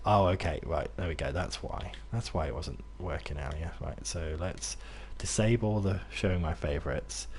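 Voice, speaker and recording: This gaming streamer, a young Englishman from the Birmingham area, talks with a loose blend of British accents rather than a Brummie one. He keeps up casual, rambling commentary for viewers, restarting and filling gaps as he plays. His low, darkish voice runs at normal speed with barely a pause, and there's slight background noise.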